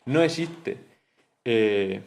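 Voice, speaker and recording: A man's voice: lowish voice, expressive, drawn-out words, vocal fry, darkish tone. Chatty young man explaining lessons. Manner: chatty, rambling, with frequent fillers and "¿no?" checks. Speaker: student explaining course material. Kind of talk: casual spoken study lesson.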